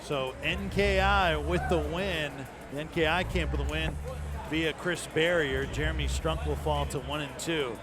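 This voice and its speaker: A man's voice: fairly high pitch, fairly even intonation, a little slow. A man doing play-by-play commentary at a live fight event, speaking as a sports broadcaster. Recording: crowd and music behind.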